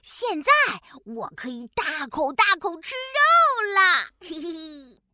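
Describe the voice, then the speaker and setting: A woman plays a cheerful little bear cub in a storybook, high and bright, swooping all over in a sing-song way. He talks slowly and lays on playful sound effects, recorded close and dry. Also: sing-song, no echo, full character voice. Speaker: storybook narrator in character. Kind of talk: children's storybook narration.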